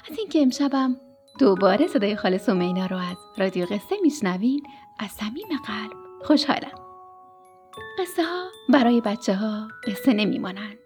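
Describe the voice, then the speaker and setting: A woman's voice: fairly high pitch, darkish tone. A woman telling a children's bedtime story on the radio in a tender voice that sometimes drops to a whisper.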